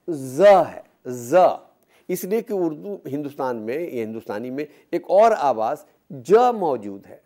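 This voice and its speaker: Guy giving a lecture, slightly high voice, slow and explaining. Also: a little mellow. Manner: measured, explanatory, with repeated examples. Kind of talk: educational lecture.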